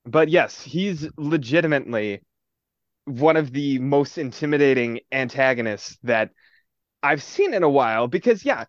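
A young man co-hosting a casual podcast chat, animated and laughing often, swearing as he retells a film scene. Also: mid-range voice, moderate pace, no room sound, muffled recording. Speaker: podcast co-host.

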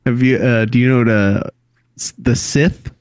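Deadpan hesitant man on a dry mic. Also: medium pitch, moderate pace, clear, resonant tone, no room sound. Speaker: podcast co-host playing a robot bit. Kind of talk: casual podcast banter.

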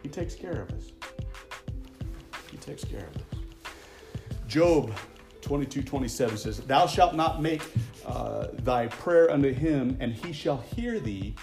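A man's voice: medium pitch, expressive, a little slow, creaky, pauses often, darkish tone, reverberant, faint music behind. A man preaching a sermon in a folksy manner, joking aside and reading scripture aloud in a church.

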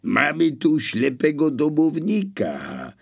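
A man voicing a rough, bullying male burglar who talks in a brash, mocking and threatening way. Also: fairly low pitch, sing-song, slow, a little mellow, pitched above the performer's own voice, heavily acted.

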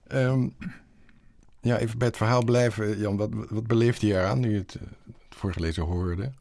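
Male radio host, low voice, brisk and slightly halting, studio interview. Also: steady tone, creaky, darkish tone, dry recording.

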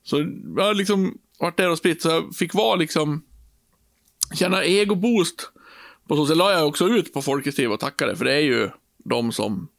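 A man co-hosting a podcast, telling a story in a lively, casual way and swearing freely. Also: fairly high pitch, vocal fry, no room sound, clean studio sound. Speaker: podcast co-host. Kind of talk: casual chat.

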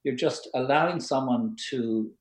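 An older man with an Irish accent giving advice in a thoughtful, halting, conversational way. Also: medium pitch. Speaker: child psychology expert giving advice. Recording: roomy, echoing sound.

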